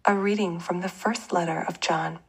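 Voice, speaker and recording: A woman leading a guided bedtime prayer in a soft, hushed, breathy voice, with a gentle and measured delivery. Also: on the low side, fairly even intonation.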